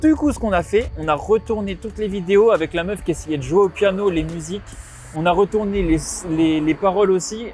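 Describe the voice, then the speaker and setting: A man with a fairly high voice vents his frustration in a loose, casual vlog, talking outdoors in the evening. He swears freely and keeps an exasperated tone. Faint music plays behind him. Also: fairly quick, darkish tone. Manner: exasperated, swearing, quoting others in mocking voices. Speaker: vlogger.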